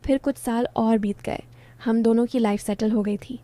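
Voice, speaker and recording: Woman storyteller, emotional, confiding, mellow tone, dry close sound. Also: a little high, steady tone, moderate pace, dry recording. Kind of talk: first-person scripted narration.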